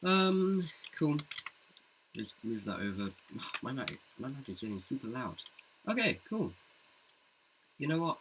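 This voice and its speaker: A man's voice: slight background noise, rough recording. A man thinking aloud in a casual screen-recorded tutorial, chatty and self-mocking as he works through a scene. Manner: jokes in a deep movie-trailer voice. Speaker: CG artist showing his work. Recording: keyboard and mouse clicks behind.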